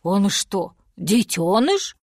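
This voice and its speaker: A woman voicing a grumpy, hard-of-hearing old male walrus who grumbles and tells a story slowly, with wonder, in an audiobook fairy tale. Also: medium pitch, sing-song, a little mellow, no room sound, clean studio sound, exaggerated voice. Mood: grumbling.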